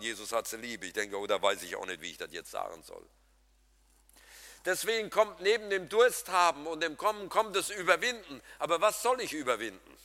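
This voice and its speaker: Bright-voiced male preacher in a reverberant hall. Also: mid-range voice. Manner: lively, humorous, addresses congregation directly; swings between loud emphatic and soft quiet passages. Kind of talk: sermon.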